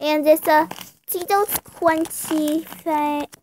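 A girl doing a tiny high baby-voiced kid. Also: fairly even intonation, slow pace, background noise. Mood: eager. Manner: hesitant, stammering with ums. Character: tiny six-year-old girl, shy and hesitant. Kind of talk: toy video role-play.

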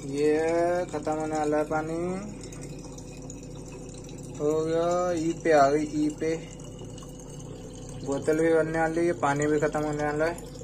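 Young male vlogger in his 20s, chatty running commentary, slightly high voice, workshop noise behind, phone mic. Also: little pitch movement, slow pace, pauses often. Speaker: vlogger at a garment factory. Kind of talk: casual vlog narration. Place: small garment workshop, indoors. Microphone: handheld phone camera.

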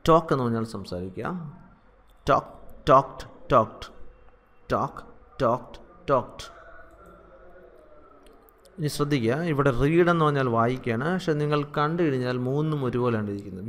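A man with a Malayali accent teaching English verb forms in a lesson, repeating each one slowly in drills. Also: medium pitch, a bit bright, slight background noise.

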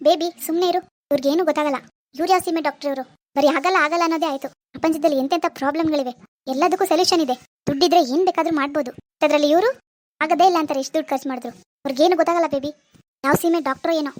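A woman's voice: sits high, fairly even intonation, racing, natural voice. Woman voicing a haughty rich cartoon mother. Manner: scornful, dismissive, brash. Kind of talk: Kannada cartoon drama voicing.

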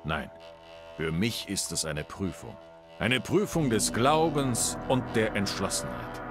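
A man's voice: fairly low pitch, very animated, unhurried. An actor playing a devout male paladin who prays for his brothers, speaking solemnly and earnestly. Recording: game audio with faint music.

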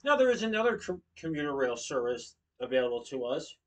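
A young man from Connecticut, USA, gives an informative class speech in his living room at home, standing, gesturing and sometimes correcting himself. His voice is a little high, sing-song and a little fast, and it sounds distant, picked up by a webcam across the room.

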